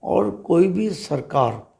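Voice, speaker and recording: A man, a trade representative, giving measured, emphatic interview answers and often posing rhetorical questions. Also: sits high, sing-song, creaky, darkish tone. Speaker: trader association leader interviewed as guest.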